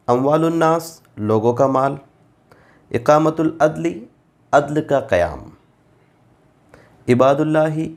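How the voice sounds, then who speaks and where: With a mid-range, darkish voice, a man gives a classroom grammar lesson in Quran translation. He patiently reads Arabic phrases, follows each with its Urdu meaning, and repeats forms for drilling, keeping a slow, deliberate pace.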